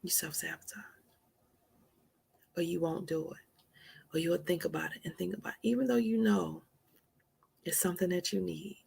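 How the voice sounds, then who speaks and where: A woman hosting a motivational live stream, dropping to soft whispers for emphasis and calling listeners honey. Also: lowish voice, fairly even intonation, fairly quick, gravelly, pauses often, husky.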